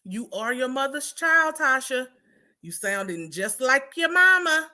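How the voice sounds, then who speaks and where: Woman host doing sassy casual commentary, kinda high voice, bright and punchy. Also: lively intonation, measured pace. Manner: sassy, chatty, addresses viewers directly.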